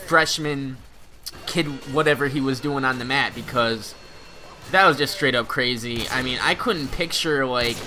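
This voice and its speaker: A man in his twenties recounting high school stories over gameplay commentary, animated and slangy, laughing as he goes. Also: moderate pace, faint music behind. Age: 20s. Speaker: gaming channel host.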